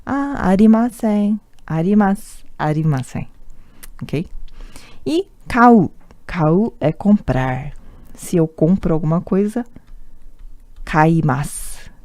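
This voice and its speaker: Slow, patient woman teaching a lesson. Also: fairly low pitch, animated, warm tone, no echo. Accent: Brazilian Portuguese. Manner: patient, repeats words often, tag questions. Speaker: Japanese teacher. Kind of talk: online language lesson.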